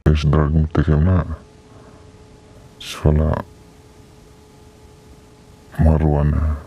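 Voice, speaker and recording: Disguised, very deep altered voice. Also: completely flat delivery, warm tone, a little hiss or hum. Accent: Solomon Islands Pijin. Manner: slow, halting, with long pauses. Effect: voice altered to sound very deep. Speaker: anonymous interviewee. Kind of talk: confessional interview. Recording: dull lo-fi disguised audio.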